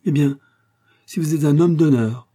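A man's voice: a little high, moderate pace, warm tone, husky, pitched above the performer's own voice. A man voicing a proud, impulsive young noblewoman in a storybook reading, with a heightened, emotional delivery. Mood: haughty.

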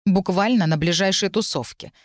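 A woman voicing a brooding young male necromancer student in an audiobook, with a hoarse, low-pitched voice. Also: normal speed, no echo, studio quality, natural voice. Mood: tense. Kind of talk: audiobook character reading.

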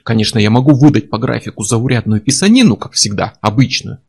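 A man voicing a frazzled, defensive male writer under deadline pressure, talking in a raised, strained voice that is quick to snap. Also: mid-range voice, expressive, a little mellow, slightly rough. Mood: defiant.

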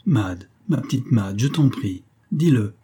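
A man's voice: mid-range voice, animated, unhurried, dark tone, slightly rough. A man reading a storybook, voicing a jealous young husband who keeps pressing his wife with insistent, taunting questions.

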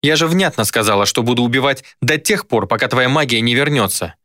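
A man's voice: mid-range voice, expressive, pushed and bright, no room sound, clean studio sound. A man voicing a cruel, mocking female demon who taunts coldly. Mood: taunting. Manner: sneering, cold, unhurried taunts.

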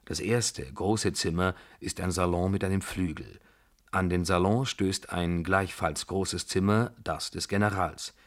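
A man reading a novel aloud in measured, unhurried scripted narration. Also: low-pitched.

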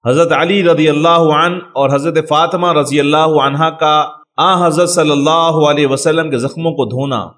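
A man reads out the chapter headings of an audiobook, one short formal line at a time. His voice is a little high. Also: steady tone, a bit bright. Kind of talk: announcing section titles.

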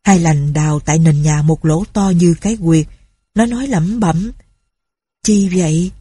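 A woman reads an audiobook story aloud. Her voice is low, mellow and husky, and the recording is dry and close. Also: normal speed, no room sound. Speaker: narrator. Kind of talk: audiobook narration.

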